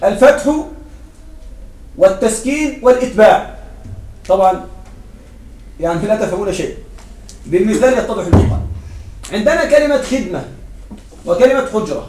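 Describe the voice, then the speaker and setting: A man's voice: high voice, expressive, normal speed, pauses often, a little mellow, echoey room, distant mic, poor audio. A man teaching an Arabic grammar lesson, explaining step by step and often checking that his students follow. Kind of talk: classroom grammar lecture.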